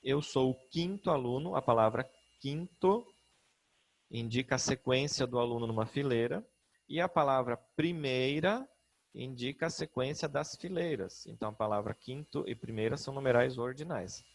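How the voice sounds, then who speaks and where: A middle-aged Brazilian teacher walks through a grammar lesson in a gravelly, slightly husky voice. He speaks with a Brazilian Portuguese accent and keeps checking that his students follow along. His pitch sits at an ordinary level for a man. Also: moderate pace. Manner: patient, checks in with "né?" and "tá?".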